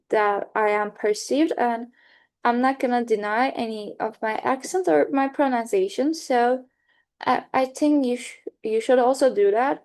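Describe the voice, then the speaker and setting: A slightly high, slightly mellow voice belongs to a young Turkish-accented woman from Turkey presenting in class. As a student presenter she sounds hesitant, stopping and restarting, using lots of fillers and correcting herself.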